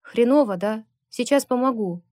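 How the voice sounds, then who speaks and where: A woman voicing a big, bald, brash male friend who talks loud and crude, in an audiobook. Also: fairly high pitch, normal speed, no echo, studio quality, close to an everyday voice.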